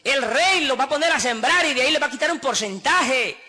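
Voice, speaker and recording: A man's voice: very high-pitched, animated, brisk, sharp tone. A man with a Honduran Spanish accent preaching a sermon with passion, acting out pleading voices through repetition. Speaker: pastor.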